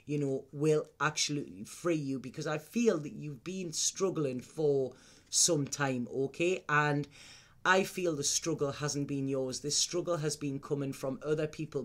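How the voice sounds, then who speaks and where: Man, slightly high voice, mystical horoscope reading, tarot reader, unscripted, reassuring advice, direct address, frequent check-in tags. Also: a bit bright.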